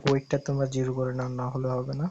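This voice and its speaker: Flat-voiced man giving casual tutorial steps. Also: medium pitch, racing, dull audio, background noise. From Bangladesh. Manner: step-by-step instructions, casual, self-correcting. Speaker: tutorial host. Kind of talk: screen-recorded app-building tutorial.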